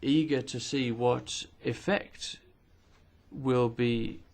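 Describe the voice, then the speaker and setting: A man provides simultaneous interpretation of speeches at a parliamentary committee hearing, formal and measured, with pauses and the occasional filler. His medium-pitched voice is steady and darkish.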